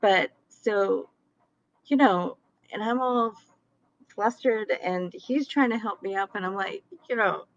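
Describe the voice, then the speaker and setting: A woman's voice: mid-range voice, slow, no echo, highs cut off. A woman telling a story casually to her viewers, chatty and full of fillers and laughs. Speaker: sound healer and card reader.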